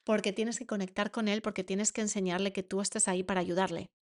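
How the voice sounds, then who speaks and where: A woman's voice: medium pitch, flat delivery, quick pace. A woman with a Spain Spanish accent, teaching a masterclass to parents as a coach, earnest and repeating words for emphasis.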